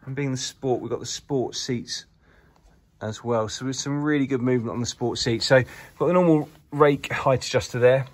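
A man's voice: medium pitch, normal speed, dry recording. Upbeat man showing a car. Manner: upbeat salesman patter, filmed while walking. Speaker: car dealer presenting a used car. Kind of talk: walkaround car video. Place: indoor car showroom. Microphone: camera held by the speaker.

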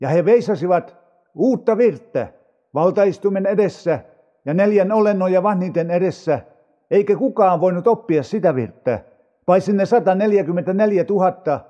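A man reads scripture aloud in a solemn, measured manner. His voice sits high for a man but sounds mellow. The recording is somewhat dull and carries a long reverb. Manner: measured, unhurried reading. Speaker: audio Bible reader.

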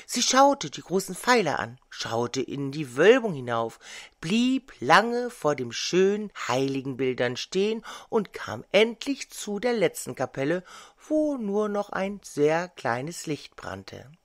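An older woman narrating a fairy tale audiobook in a measured, expressive way. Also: on the low side, no room sound, clean studio sound. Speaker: storyteller.

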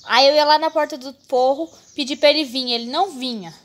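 A woman's voice: high-pitched, fairly quick. A young Brazilian woman with a Brazilian Portuguese accent, vlogging casually at home and chatting to her viewers. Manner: chatty, addressing viewers as "gente". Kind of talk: casual vlog chat.

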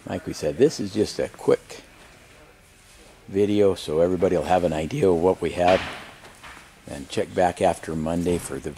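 A man acting as an auctioneer walks around promoting a sale in a casual, unscripted narration, first in a large warehouse showroom and later on an outdoor lot. His low, mellow voice moves at normal speed with long pauses. The audio comes from a handheld camera mic with the operator behind the camera, carrying faint background noise.

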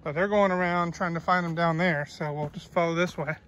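This man's voice is fairly high and a bit bright, delivered a little fast with fairly even intonation. He's a family vlogger narrating a hike outdoors, chatty as he walks and points out sights on a coastal park trail.

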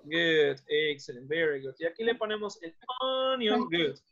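This man's voice is on the high side, with big pitch swings, a measured pace and a fairly bright tone. He teaches English to young pupils at primary level, cheerfully mixing Spanish and English and repeating words in a Peruvian Spanish accent. The recording sounds muffled and lo-fi.

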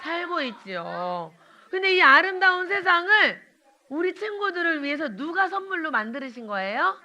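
Woman evangelist, children's sermon, high and very bright, sing-song questions to kids. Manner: slow line-by-line prayer for children to repeat. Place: church.

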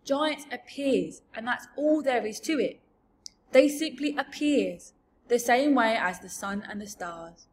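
A woman voicing a huge, very old, gentle male giant from a storybook, with mangled grammar and invented words. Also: a little high, animated, measured pace, slight background noise, pitched above the performer's own voice. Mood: earnest, emphatic. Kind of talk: storybook character voice.

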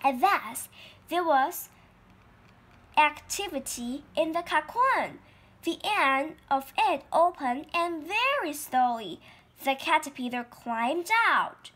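A woman reading a children's story aloud, repeating key words slowly for learners. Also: high voice, lively intonation, fairly bright tone.

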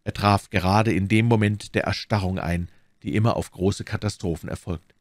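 Male audiobook narrator, measured, expressive, low voice, dry close sound. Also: dry recording. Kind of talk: dramatic audiobook reading.

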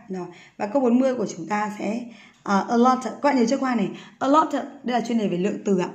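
A woman's voice: medium pitch, reverberant. A woman English teacher going through an exercise, patiently asking many rhetorical questions.

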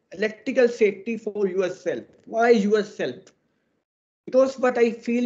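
A man's voice: high-pitched, darkish tone. Indian man on a screen-recorded video call. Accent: Indian English. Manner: earnest and exhorting, fond of idioms. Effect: screen-recorded video call audio. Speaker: webinar presenter on electrical safety. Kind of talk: formal presentation over a video call. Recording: dull lo-fi video call audio.

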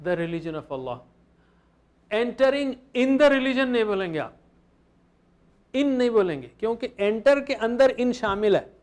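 A man teaching grammar in a lecture, patiently repeating each example step by step. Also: sits high. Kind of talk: classroom lecture.

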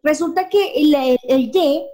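Woman, high-pitched, patient coaching teacher, echoes answers. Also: a little slow, dark tone. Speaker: English teacher. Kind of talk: beginner English lesson dialogue.

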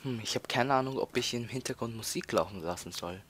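A teenage Austrian let's player chats casually while gaming, speaking fast in a medium-pitched, fairly bright voice over a little hiss or hum. He stalls, repeats words, and uses many fillers.

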